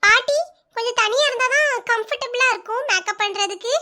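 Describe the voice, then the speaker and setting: Eager young makeup artist, cartoon, high and bright, voiced by a woman. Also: a little fast, full character voice. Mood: friendly. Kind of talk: cartoon voice acting.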